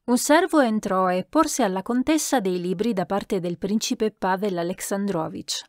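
A woman narrating a classic novel as an audiobook, reading in a measured way into a close mic. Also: medium pitch, no echo. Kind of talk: scripted narration.

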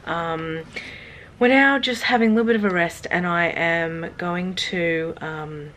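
A woman's voice: fairly low pitch, measured pace, fairly bright tone. A middle-aged woman giving a casual, chatty vlog update to camera. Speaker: vlogger. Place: indoors, hotel suite. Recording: clear background room noise.

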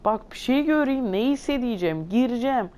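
Fairly high-pitched yet darkish in tone, this gaming host's voice has lively intonation and a moderate pace. She speaks straight to her viewers while playing, swearing constantly and grumbling in exasperation.

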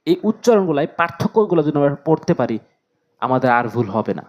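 A man teaching correct Quran pronunciation, slowly repeating Arabic letter sounds and explaining where each is formed in the mouth. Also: a little high, big pitch swings, muffled recording. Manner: slow, drawn-out repetition of Arabic letter sounds; patient, instructive, urges viewers to practise.

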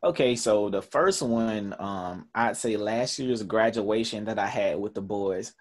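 A man's voice: on the low side, measured pace. Earnest young Southern man, many fillers. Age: 20s. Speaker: camp founder. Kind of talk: conversational interview.

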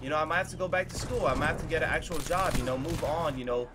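A man's voice: on the high side, fast talker, background noise. A man in his early twenties talks candidly to his viewers from a small room at home, earnest and rambling, repeating himself with lots of fillers. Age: 20s. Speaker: gaming YouTuber. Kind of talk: candid talk to viewers over gameplay. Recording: clear gunfire from the game behind the voice. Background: game gunfire.

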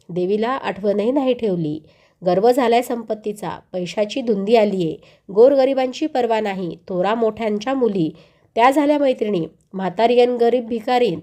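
A woman voicing an old beggar woman who is a goddess in disguise, talking slowly between coughs and scolding in anger. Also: mid-range voice, mellow, lightly acted.

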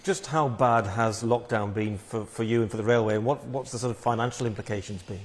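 A man's voice: fairly low pitch, a little fast. A man working as a TV news reporter, narrating a regional report and interviewing on location.

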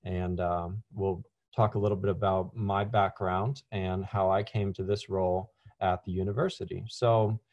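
A man's voice: sits low, fairly even intonation, normal speed, no echo, lo-fi sound. A man from Louisiana giving a casual online webinar talk as a university food science presenter, with frequent ums and restarts. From Louisiana, USA. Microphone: video call.

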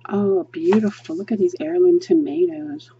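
Reviewing a coloring book at a table indoors, a woman gushes and chats as her hands flip the pages, thinking aloud with lots of ums. Her warm, low-leaning voice keeps a steady tone at a moderate pace, though the recording is muffled with a slight hiss or hum.

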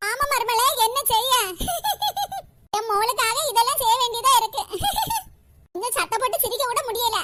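A woman voicing a playful, scheming old mother-in-law in a comic cartoon, in a Kanyakumari Tamil accent, with a high, exaggerated voice and cackling laughs. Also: steady tone, moderate pace, background noise. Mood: sly.

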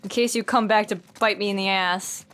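A woman's voice: mid-range voice, fairly even intonation, fairly quick, fairly bright tone. A young adult woman giving casual gameplay commentary as a streamer, sarcastic and talking to the game. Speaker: gaming streamer. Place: small indoor home streaming room. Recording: game sounds behind the voice. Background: video game sounds.

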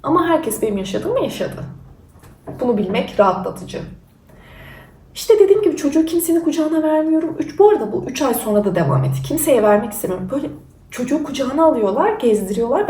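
Young woman vlogger, higher voice, candid and joking about herself, kinda echoey and far from the mic. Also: very animated, quick pace, dark tone. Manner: candid and self-mocking. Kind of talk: casual storytelling. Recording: roomy sound from a distance.

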